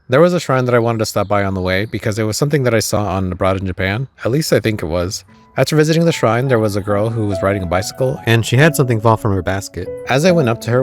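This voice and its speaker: A man's voice: fairly low pitch, dry recording. A young man telling comedic travel stories outdoors, self-deprecating with wry asides. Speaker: travel vlogger.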